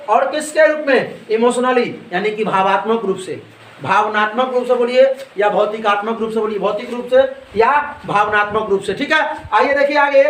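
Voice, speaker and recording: A man's voice: very high voice, fairly bright tone. A male teacher lecturing on a poem, asking questions and then answering them himself, repeating each point. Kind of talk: classroom lecture explaining a poem. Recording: echoey room.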